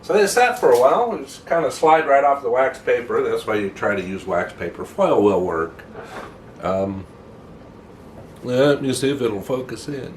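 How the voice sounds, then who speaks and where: Walking viewers through a family recipe, this home cook and channel host stays easygoing and plainspoken in a casual video. He speaks at normal speed in an expressive, mid-range voice, and a little hiss or hum can be heard.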